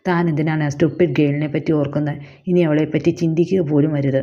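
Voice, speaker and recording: A woman's voice: deep voice, steady tone, fast, warm tone, dull audio. A woman reading the lines of a short-tempered young male boss, curt and irritated.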